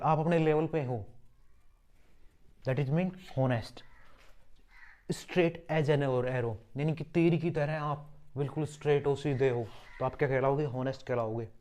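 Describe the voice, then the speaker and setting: A man's voice: fairly high pitch, darkish tone. Man teaching vocabulary, spelling words out. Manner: spells words letter by letter, explains roots and meanings; repeats words and asks himself rhetorical questions. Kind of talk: exam-prep vocabulary lesson.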